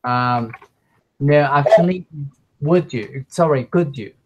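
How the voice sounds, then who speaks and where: A man's voice: medium pitch, takes it slowly, highs cut off, noisy background. A man leads an online English lesson. He explains things informally, step by step, and keeps adding small checks for understanding. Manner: frequent check words like okay; switches between English and Spanish. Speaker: English teacher. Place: online class with screen share.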